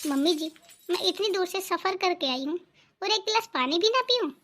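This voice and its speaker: A young daughter-in-law from a cartoon family drama, voiced by a woman, with a very high, light voice. She stays polite but holds her ground. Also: expressive, fairly quick, a bit bright, slight background noise. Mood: firm. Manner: polite but firm, answering back.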